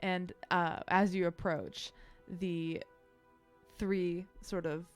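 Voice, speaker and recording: A woman's voice: lowish voice, little pitch movement, slow pace, clear, resonant tone, soft background music. Chatty woman game master narrating. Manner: chatty, loosely improvised with many fillers.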